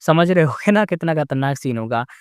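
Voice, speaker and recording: Chatty guy retelling a story, talks right at you, high clear voice, dry close mic. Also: expressive, brisk, no echo. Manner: chatty, talks straight to listeners. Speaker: storyteller explaining a novel.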